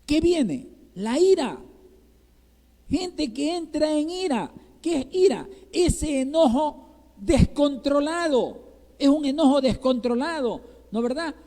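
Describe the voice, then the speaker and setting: A man's voice: very high-pitched, lively intonation, slow, warm tone. A male pastor from Ecuador preaching a sermon in Ecuadorian Spanish, asking the congregation rhetorical questions and checking with them again and again. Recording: reverberant church hall.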